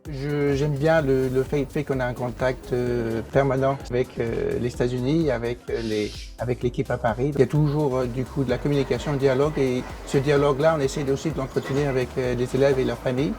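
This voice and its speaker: This native English speaker, an English teacher and program director, answers interview questions with frequent pauses, fillers and restarts. His medium-pitched voice is warm and steady, with faint music in the background.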